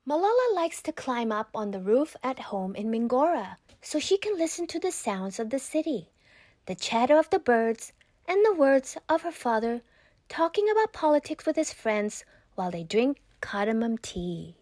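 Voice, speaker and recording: Reading from a children's book, a woman speaks in a fairly high, sing-song voice with a darkish tone, moving her intonation expressively through measured, scripted narration. There's no echo in the dry recording.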